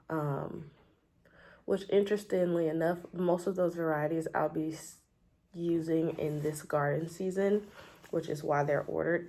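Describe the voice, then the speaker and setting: Her voice sits low, creaky and mellow, with a stuffy scratchiness from a cold. She's a homestead gardening vlogger chatting casually at her home table, showing her things and saying um a lot.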